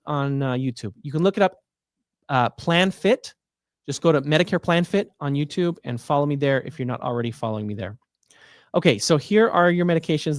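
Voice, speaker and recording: A man's voice: a little high, dry recording, studio quality. A man hosting a livestream, casually walking viewers through insurance plans while thinking aloud with fillers and restarts. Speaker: Medicare plan advisor hosting a livestream.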